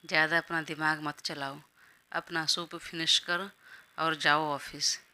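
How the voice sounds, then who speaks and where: A woman voicing a gentle, protective young husband who gives soft but firm instructions, in an audio story. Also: deep voice, little pitch movement, unhurried, heavily acted. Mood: caring. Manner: tender, bossy in a caring way.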